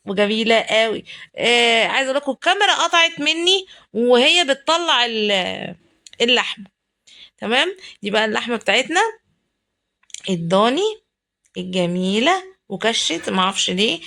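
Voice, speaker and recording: A woman's voice: fairly high pitch, creaky, sharp tone. A woman with an Egyptian accent narrating a casual home cooking vlog, chatty and exclamatory, talking straight to her viewers. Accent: Egyptian Arabic. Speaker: cooking vlogger. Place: home kitchen.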